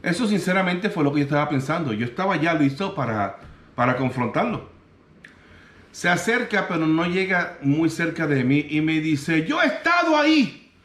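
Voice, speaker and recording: A man from Puerto Rico with a Puerto Rican accent, telling a personal story in an animated way and acting out the other people's lines. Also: on the high side, normal speed. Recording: roomy echo.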